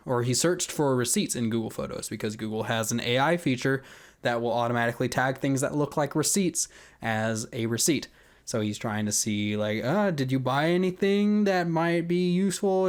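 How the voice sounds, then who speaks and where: A man giving casual, conversational screen-recording commentary, explaining step by step and often checking in with the listener. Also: mid-range voice. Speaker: video creator walking through an account hack.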